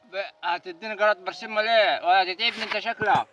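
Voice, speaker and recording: A man playing a scheming village man, bossy and hushing others as he plans to steal clover. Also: sits high, steady tone, racing, muffled recording, noisy background. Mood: bragging.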